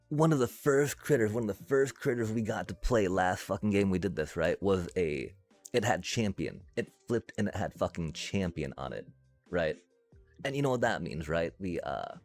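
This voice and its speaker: Gravelly deep-voiced man ranting at a game. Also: darkish tone. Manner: frustrated, profane ranting with frequent laughs. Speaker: streamer. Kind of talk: casual gameplay commentary.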